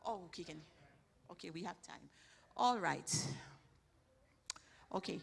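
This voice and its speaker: A woman's voice: lowish voice, animated, a little slow, vocal fry, husky. A woman leading church announcements, thanking helpers in a chatty way with many restarts. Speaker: church program leader. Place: church hall.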